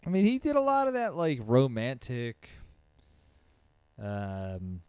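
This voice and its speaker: A man chatting casually about movies, lively and swearing freely, often trailing off and restarting. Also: medium pitch, takes it slowly, clean tone.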